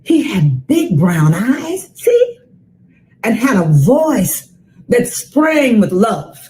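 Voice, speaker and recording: An American woman in her sixties reads a children's story aloud, using dramatic, deliberate phrasing and emphatic repetition. Her voice is on the high side and dark in tone, with pitch that swoops wildly.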